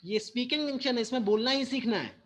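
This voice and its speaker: Indian English teacher explaining patiently. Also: male voice, extremely high pitch, fairly bright tone. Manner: switches between Hindi and English, slow and deliberate explanations. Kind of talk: bilingual classroom teaching. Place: school classroom.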